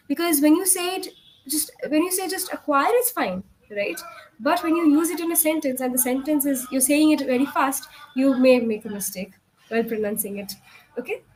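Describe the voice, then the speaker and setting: High-pitched young Indian woman tutoring. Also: darkish tone, rough recording. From Kolkata, India. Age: young adult. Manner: instructive, frequent check questions. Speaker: English communication tutor. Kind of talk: one-on-one spoken English lesson.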